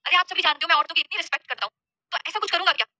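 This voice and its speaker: A woman's voice: a little high, fast, sharp tone, no echo. A woman voicing an impulsive lovestruck young man who stammers and pleads. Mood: protesting.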